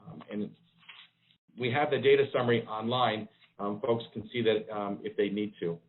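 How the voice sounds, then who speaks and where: A man, a public health official giving a briefing over a conference call phone line, measured and pausing with frequent ums. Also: lowish voice, fairly even intonation, slight background noise. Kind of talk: press briefing.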